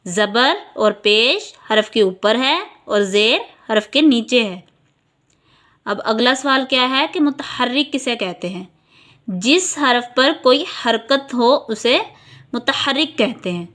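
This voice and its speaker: A woman teaching a reading lesson, who asks each question and then answers it, drawing out each sound slowly. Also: a little high, animated, a bit bright. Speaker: Quran teacher. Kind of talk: slow, patient teaching.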